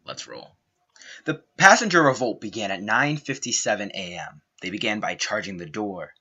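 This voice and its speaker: A young man reading a scripted documentary narration in an earnest, dramatic way, with slow emphatic phrasing. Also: sits low, bright, forceful tone, husky. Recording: dull lo-fi home mic.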